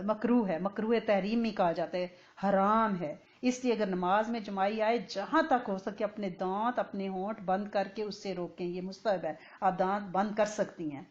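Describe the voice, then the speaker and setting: A woman giving a conversational religious lesson as an Islamic teacher, often checking that listeners follow and chanting Arabic phrases slowly. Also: mid-range voice, a little mellow. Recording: dull lo-fi recording.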